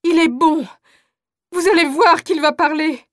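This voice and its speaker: A woman's voice: extremely high pitch, fairly even intonation, a little slow, fairly bright tone, no echo, studio quality. A woman voicing a desperate mother who pleads, screams and sobs in a stage-play reading. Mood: frantic pleading. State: crying.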